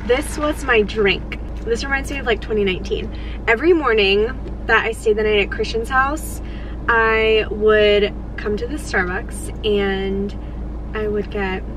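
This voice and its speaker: A woman in her twenties chatting casually in a vlog, excitable and full of "like". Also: medium pitch, background noise. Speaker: lifestyle vlogger.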